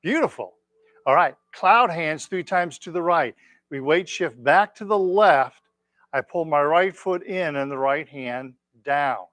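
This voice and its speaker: Male tai chi instructor, slightly high voice, dry sound, gentle and unhurried step-by-step class cues. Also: no room sound.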